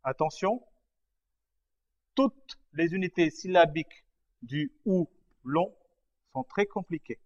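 A man teaching a writing lesson, slowly explaining each stroke, repeating himself and checking that his students follow. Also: on the high side, expressive. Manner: patient, repeats and checks understanding. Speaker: language teacher. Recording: dull lo-fi recording.

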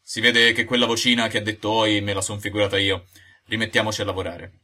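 A stammering old carpenter, jumpy and easily frightened, as a man plays him. His low voice is bright and husky, and it trembles over its words. It is a character in a storybook reading. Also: little pitch movement, fast talker. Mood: forced cheer. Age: older. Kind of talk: audiobook character voice.

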